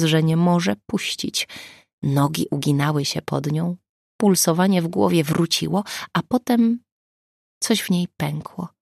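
Low, gravelly woman audiobook narrator. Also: dry recording, clean studio sound.

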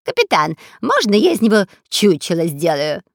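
A woman's voice: medium pitch, huge pitch swings, moderate pace, no room sound, clean studio sound. A woman voicing a cowardly, long-nosed male robber who whines and squeals, in an audiobook reading. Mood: squealing. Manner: whining, squealing, quarrelsome. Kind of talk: audiobook character voice.

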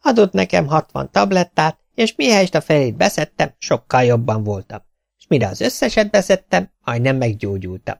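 A gossipy village tailor in his forties, as a male narrator puts him on, lifts his voice well above the reader's own and keeps up an endless theatrical stream of complaints. A gravelly edge runs through the raised tone. The sound is close and dry, with no room around it. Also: on the high side, sing-song, dry recording, voice pushed up. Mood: complaining, chatty. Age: 40s. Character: chatty, self-pitying middle-aged male village tailor.

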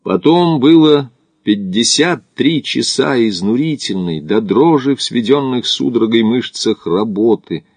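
A man reading an audiobook novel aloud in measured, expressive scripted narration. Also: medium pitch, no room sound.

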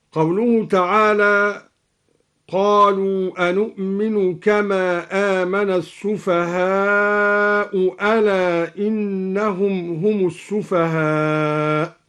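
A man explaining recitation variants in a measured, deliberate way, slowly intoning each verse he quotes as an example. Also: high-pitched, fairly bright tone. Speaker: Quran reading scholar. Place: radio studio.

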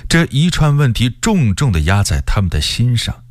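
A male storyteller giving an expressive radio reading of a historical novel. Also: mid-range voice, moderate pace. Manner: expressive, lively delivery.

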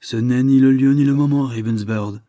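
A man's voice: medium pitch, normal speed, warm tone, breathy edge, natural voice. A man voicing a newly titled lord in an audiobook, curt and decisive. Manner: curt, decisive, brooks no reply.

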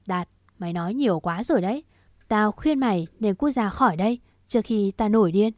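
Một người phụ nữ đọc giọng một chàng trai trẻ cứng rắn, che chở, nói dứt khoát và đầy đe dọa. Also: female voice, medium pitch, animated, a little fast, darkish tone, dry recording, clean studio sound, natural voice. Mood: cold. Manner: firm, clipped and threatening. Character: stern protective young man, cold and resolute.

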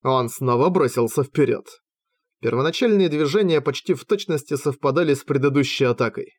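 Male audiobook narrator, mid-pitched, steady and measured, dry close home recording. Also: no echo. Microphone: close microphone, home recording.

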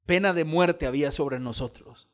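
A man preaching a sermon as pastor, telling stories and acting out the dialogue with lively energy. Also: fairly high pitch, normal speed. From El Salvador. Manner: animated storytelling, acting out dialogue. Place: church hall.

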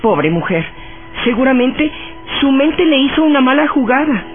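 Actress as a lively, curious skeptical woman. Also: high voice, moderate pace. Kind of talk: radio horror drama acting. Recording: tinny narrowband radio drama with music.

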